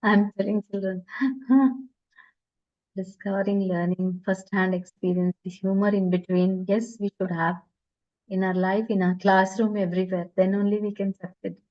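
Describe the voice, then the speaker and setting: A woman's voice: medium pitch, flat delivery, moderate pace. Woman trainer on lo-fi video call. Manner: earnest, advice-giving, many hesitations. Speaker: teacher trainer answering questions. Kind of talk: online webinar Q&A. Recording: lo-fi online call audio.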